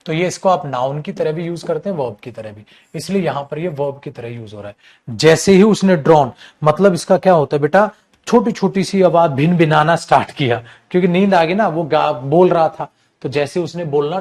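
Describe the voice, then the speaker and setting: A middle-aged man teaching an exam-prep English lesson, calling students "beta", stretching out key words and reading sentences slowly. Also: a little high, a little mellow.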